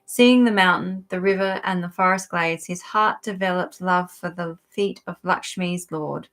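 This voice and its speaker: A woman co-hosting a podcast, reading a sacred text aloud in a steady voice and pausing to stumble over unfamiliar words. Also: fairly low pitch. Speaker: podcast co-host.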